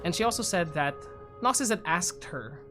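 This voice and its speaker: A woman's voice: on the low side, expressive, normal speed, music in the background. A woman game master reading a story recap for a tabletop game from her notes.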